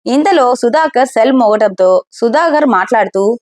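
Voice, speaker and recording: Woman narrator, somewhat high voice, steady expressive storytelling. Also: normal speed.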